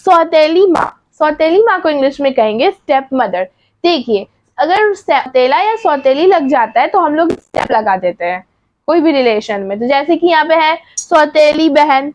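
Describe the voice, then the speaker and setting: A woman with a high voice teaches English family words. She asks what each word is called, answers it herself, and says the answer again slowly. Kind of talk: vocabulary lesson.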